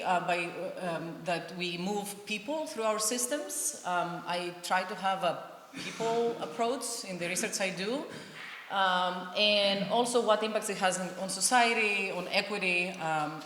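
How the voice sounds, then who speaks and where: A middle-aged Greek woman, an engineering professor, gives a friendly conference talk in an event hall, using a mid-range, fairly bright voice with frequent ums. The recording is echoey, with a faint hiss.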